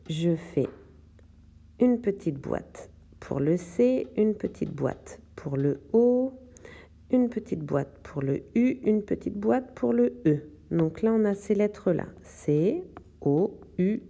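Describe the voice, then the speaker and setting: A woman guides young children through handwriting, narrating each stroke in slow, careful steps. Her voice is deeply mellow and dark in tone, and she takes her time, unhurried and patient in delivery. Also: creaky. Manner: slow, step-by-step instructions while writing. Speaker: teacher. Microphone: tablet microphone.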